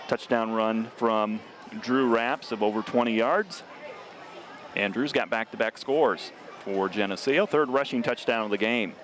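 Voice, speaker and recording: A man in a middle register calls a small-town high school football game from an outdoor booth, with faint open-air noise behind him. His delivery stays steady and even through the plays. It climbs hard and loud when a runner breaks free. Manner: steady, rises sharply on scoring plays. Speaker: play-by-play announcer.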